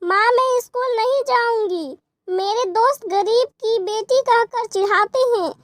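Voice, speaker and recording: A woman's voice: extremely high pitch, unhurried, dry recording, voice pushed up. A woman voicing a sad, stubborn young schoolgirl in a cartoon story. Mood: upset.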